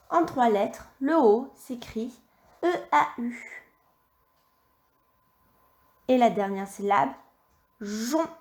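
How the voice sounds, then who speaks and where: A woman teaching young children, dictating words slowly and spelling out letters and syllables one by one. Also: mid-range voice, darkish tone. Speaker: primary school teacher.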